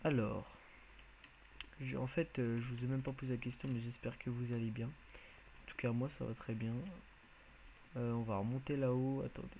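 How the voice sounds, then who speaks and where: A man's voice: medium pitch, level tone, normal speed, gravelly, long pauses, dark tone, slight background noise, low-quality recording. A man giving casual, rambling commentary as he plays a video game, hesitant and full of filler sounds. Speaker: video game let's player.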